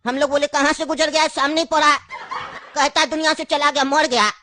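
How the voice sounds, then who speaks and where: A woman's voice: high-pitched, fairly even intonation, fairly quick, pushed and bright, no room sound. A woman voicing an elderly grandfather in a cartoon, cunning and grieving, with an insistent, coaxing way of talking. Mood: mournful telling. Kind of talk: cartoon voice acting.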